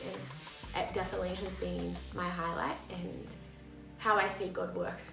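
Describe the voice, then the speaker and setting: A young woman youth leader talking enthusiastically about what she loves about youth group. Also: mid-range voice. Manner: enthusiastic, warm-hearted, bubbly. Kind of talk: casual heartfelt talk. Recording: echoey room with music underneath.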